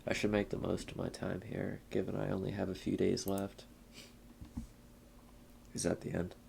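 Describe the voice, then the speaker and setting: A man's voice: low voice, monotone, normal speed, vocal fry, a little mellow, a little hiss or hum. A young man hosting a gaming channel, reading a visual novel aloud in a laid-back way and muttering casual asides between lines.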